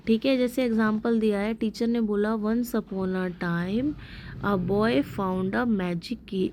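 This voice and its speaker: A woman's voice: on the high side, dark tone, slight background noise. A woman teacher explaining a textbook lesson, mixing Hindi and English, who asks questions and then answers them herself. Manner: mixes Hindi with English words and sentences.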